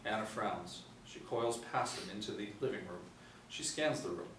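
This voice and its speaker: Reading screen directions from a script, this man in his forties has a lowish, slightly bright voice and keeps a moderate pace. The recording comes from a small indoor room with people seated, captured on a distant mic that sounds roomy and carries faint noise.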